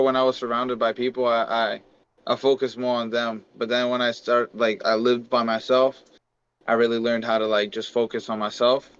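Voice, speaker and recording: A man's voice: mid-range voice, smooth. A man from Peru, a podcast guest chatting casually, laughing often and searching for words with restarts. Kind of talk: casual chat. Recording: muffled lo-fi dry mic.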